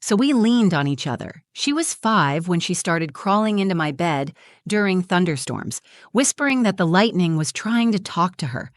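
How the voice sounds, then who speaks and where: A woman tells a first-person story in a measured, reflective voice, leaning on short dramatic phrases. Her voice sits on the low side. The recording is dry and close, with no room sound. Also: very animated, no room sound. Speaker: narrator.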